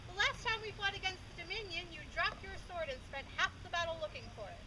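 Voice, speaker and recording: A grumbling, sarcastic corporal acted by a woman fires off needling retorts in comic renaissance faire style. The delivery is quick and very high. Outdoor noise is clearly heard behind it. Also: expressive. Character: exasperated, sarcastic, grumbling corporal on guard duty. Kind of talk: comic live renaissance faire stage acting. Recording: outdoor live recording, clear ambient noise.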